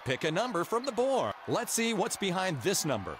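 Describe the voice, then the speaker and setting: Animated, high-pitched game show host. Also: male voice, normal speed. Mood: upbeat. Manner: emphatic, exclaiming, instructing the contestant. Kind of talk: game show hosting, scripted. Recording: clear background game noise.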